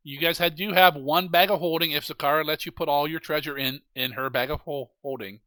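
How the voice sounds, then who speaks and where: Bright, higher-voiced male game master. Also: steady tone, a little fast, no echo. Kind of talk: casual tabletop game talk.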